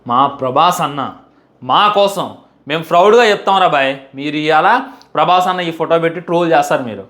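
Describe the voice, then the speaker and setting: A young man delivers a heartfelt fan monologue, stacking up repeated phrases and pleading with the audience. His voice sits a little higher than most men's. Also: brisk, fairly bright tone. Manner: emphatic, repetitive, pleading. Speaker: fan commentator.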